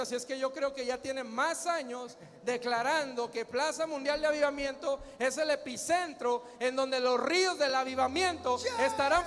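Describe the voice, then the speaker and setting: A pastor's very high, slightly bright voice rings through a large church hall as he preaches emphatically, firing rhetorical questions and calling for the crowd to answer. The recording carries long hall reverb and faint music.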